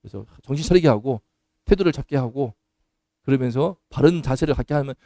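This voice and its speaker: Animated Korean pastor preaching, lively pitch. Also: male voice, brisk, no echo. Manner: animated, switching from calm storytelling to loud scolding exhortation. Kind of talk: sermon with anecdotes. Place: church sanctuary.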